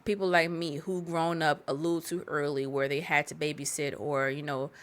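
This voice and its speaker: A woman's voice: low-pitched, flat delivery, moderate pace. A woman hosting a solo podcast, giving candid, profane life advice in a rambling, preachy way and repeating herself for emphasis. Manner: talks straight to listeners, repeating herself for emphasis. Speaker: podcast host.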